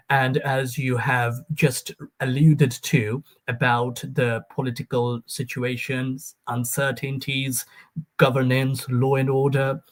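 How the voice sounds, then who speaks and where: A man hosting a panel discussion, thanking guests and handing over turns in a polite, formal way. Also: medium pitch. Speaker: host moderating a panel. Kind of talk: moderating a discussion.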